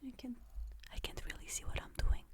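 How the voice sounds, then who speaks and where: A woman whispering softly in a gentle ASMR style, slowly showing the pieces of a board game. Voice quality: soft whispering. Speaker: ASMR creator. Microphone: close mic.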